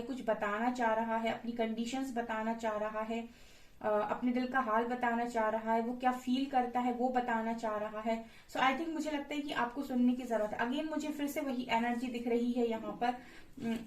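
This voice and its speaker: A woman giving a casual tarot reading to her viewers, calm and reassuring, often repeating little fillers like "guys" and "okay". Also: on the high side. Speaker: tarot reader. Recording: echoey room from far off the mic.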